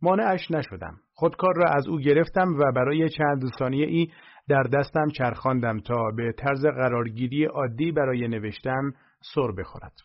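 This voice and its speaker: A man reading a first-person audiobook in a steady, measured way. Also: mid-range voice, dull audio. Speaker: audiobook narrator.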